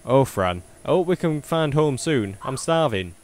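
A man voicing a grumpy male cat in a video game, low, gruff and dry. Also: lively intonation, measured pace, natural voice. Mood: weary.

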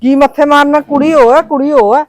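A woman's voice: high-pitched, fairly even intonation, moderate pace, no room sound, lightly acted. A woman with a Malwai Punjabi accent playing a bossy mother who scolds her son. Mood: scolding. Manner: scolding, commanding. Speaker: mother-in-law. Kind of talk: village short-film acting.

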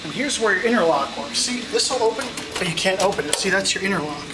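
A man's voice: sits high, lively intonation, quick pace. Eager man filming an elevator ride. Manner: eager, explanatory, points things out. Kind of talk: casual guided walkthrough. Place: inside a small elevator cab in a building. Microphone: handheld camera mic. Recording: roomy, distant, loud background noise.

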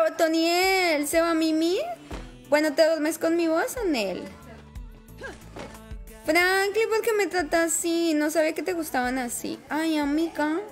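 A woman live-streaming a game in casual chat, affectionate and talkative, greeting viewers by name. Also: very high-pitched.

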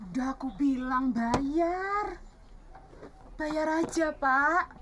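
Istri yang ngomel, suara tinggi, pelan. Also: female voice, high-pitched, drawn-out words, background noise. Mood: nagging. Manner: nagging. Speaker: wife. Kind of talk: film drama.

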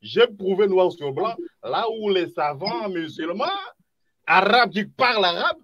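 High-voiced guy on a video call, worked up, stumbling over his words. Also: expressive, unhurried, highs cut off. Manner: agitated, stammering, interrupts. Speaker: debater. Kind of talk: heated online debate.

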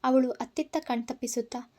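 A woman narrating a story in an expressive, dramatic reading. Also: fairly high pitch, normal speed.

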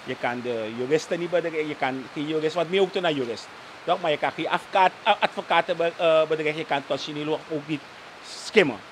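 A man's voice: a little high, fast, slight background noise. A man with a Surinamese Dutch accent, a guest commentator on a live interview show, who tags nearly every sentence with a questioning "toch?" and mixes in Sranan phrases.

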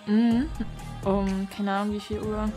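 A woman hosting a casual game let's play over voice chat, excitable and teasing, laughing often. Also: medium pitch, measured pace. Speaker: gaming channel host. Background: background music.

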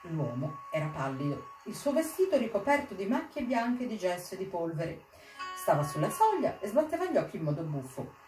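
A woman reading a literary story aloud in an expressive, measured way at a library event. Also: fairly low pitch, reverberant, recorded from a distance, music in the background, low-quality recording. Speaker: reader.

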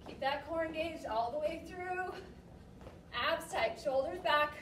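A young woman working as an aerobics instructor, calling out cues and encouragement in short, energetic, motivating bursts. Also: high-pitched, a little slow. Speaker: aerobics and fitness class instructor. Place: large gym studio, indoors. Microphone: distant camera microphone. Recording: echoey gym, distant mic, noisy.

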